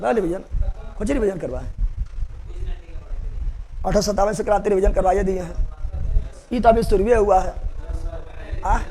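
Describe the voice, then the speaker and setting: High-voiced man drilling a history class. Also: moderate pace, long pauses, dark tone. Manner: drills facts by repetition, quizzes students. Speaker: teacher.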